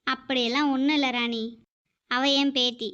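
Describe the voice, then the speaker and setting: A woman's voice: high-pitched, fairly even intonation, moderate pace, fairly bright tone. A woman voicing a stern, proud old grandmother in a cartoon who defends her family in a firm, scolding way. The recording is dull and lo-fi. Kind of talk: animated cartoon dialogue. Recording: dull lo-fi audio.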